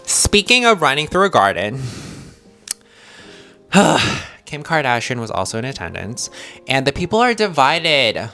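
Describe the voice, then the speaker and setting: Sassy, bright-voiced man reviewing fashion. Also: medium pitch, very animated, a little slow, pauses often, soft background music. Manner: sassy, emphatic, gushing, drag-queen-like slang. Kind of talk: casual, opinionated fashion commentary.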